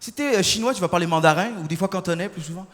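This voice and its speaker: Rapid, high-voiced comedian. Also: male voice. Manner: animated, bursts into shouted impressions. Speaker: stand-up comedian. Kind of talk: stand-up comedy set. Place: large theater stage. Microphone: stage microphone. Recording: reverberant hall, faint audience noise.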